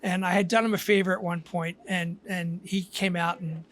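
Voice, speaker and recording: High-voiced older man telling stories. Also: fairly even intonation, normal speed, fairly bright tone. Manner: storytelling, reflective, with frequent restarts. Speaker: guest author. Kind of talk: casual podcast conversation.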